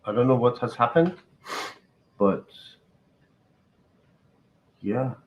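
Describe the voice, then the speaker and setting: Halting Iranian-born man hosting a live stream. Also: medium pitch, expressive, roomy sound, lo-fi sound. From Iran. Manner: halting, chatty, talks to viewers. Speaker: live podcast host. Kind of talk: casual live-stream chat.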